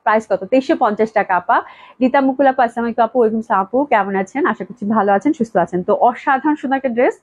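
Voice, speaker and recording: A woman's voice: fairly high pitch, racing, highs cut off. A woman, chatting casually as she sells clothes on a live stream, greeting viewers by name and repeating her praise. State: slightly hoarse from a cold. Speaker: online clothing seller hosting a live sale.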